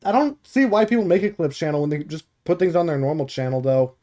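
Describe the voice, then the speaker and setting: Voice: mid-range voice, fast, background noise. A streamer playing a courtroom video game, reading its dialogue aloud and chatting casually between lines. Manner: gives characters put-on voices and laughs at own attempts. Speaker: gaming streamer.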